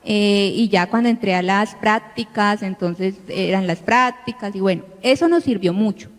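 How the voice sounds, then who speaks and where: A woman's voice: mid-range voice, normal speed. A woman, the pastor's wife, recalling their courtship in a hesitant, filler-heavy way. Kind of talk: casual personal account. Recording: long hall-like reverb.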